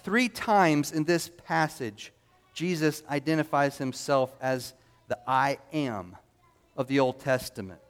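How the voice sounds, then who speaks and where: A man's voice: medium pitch, takes it slowly, smooth. A man preaching a sermon as a pastor, explaining scripture in an emphatic, expository way.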